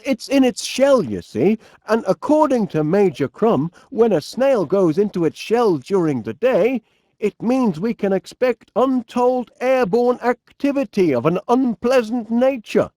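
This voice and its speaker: A male actor with a Northern English accent playing Wallace, a cheery, bumbling middle-aged inventor who is hesitant and easily flustered, in an animated comedy game. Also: sits high, no echo, clean studio sound, exaggerated voice. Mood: genial, earnest. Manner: hesitant, stammering, genial.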